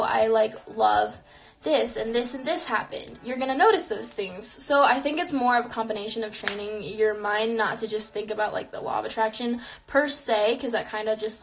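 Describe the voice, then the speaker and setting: A fairly high-pitched voice with vocal fry comes from a woman in her twenties live streaming indoors in a small neon-lit bedroom. Chatty and reflective, she answers viewer questions with frequent "like" fillers, speaking into a phone camera held close to her face.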